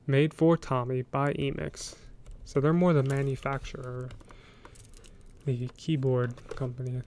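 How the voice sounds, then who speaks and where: An American man hosting a soft-spoken ASMR show-and-tell, talking in a casual, rambling, hesitant way. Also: mid-range voice, little pitch movement, a little slow, slight background noise. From United States. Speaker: ASMR video host.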